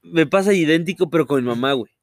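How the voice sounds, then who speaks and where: A man's voice: on the high side, animated, quick pace, dry recording. Slangy young Mexican man, dry and close. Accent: Mexican Spanish. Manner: slangy, mimics his mother. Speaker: podcast co-host. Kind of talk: casual chat.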